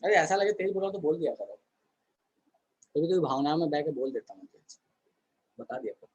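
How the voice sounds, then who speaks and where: A man's voice: a little high, lively intonation, a little fast, a little mellow, husky, highs cut off. A man teaching a chemistry class online in a conversational way, often asking the students questions and answering them himself.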